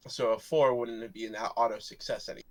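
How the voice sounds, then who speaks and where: A man's voice: lowish voice, fairly even intonation, a little fast, low-quality recording. Matter-of-fact man talking game rules. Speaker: player. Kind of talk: casual out-of-character chat about a tabletop game.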